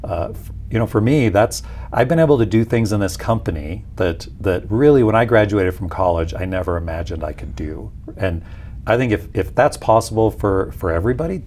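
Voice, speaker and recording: Speaking in a deep, slightly mellow voice, this man in his 40s from Peru is a company executive chatting through explanations in an interview. He's miked with a lapel mic in a small office lounge, and some faint background noise can be heard.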